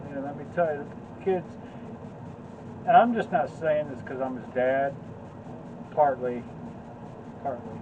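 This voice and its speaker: A man's voice: on the high side, moderate pace, long pauses, noisy background. Easygoing man on a tinny line. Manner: laid-back, joking, rambling. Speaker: co-host. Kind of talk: casual chat.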